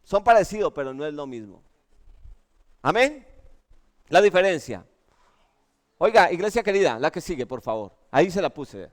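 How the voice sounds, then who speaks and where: A Colombian man preaching a lively sermon with humorous stories, often checking in with the congregation. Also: fairly high pitch, normal speed, long pauses. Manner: animated, keeps asking the congregation "¿cierto?". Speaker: pastor. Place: church.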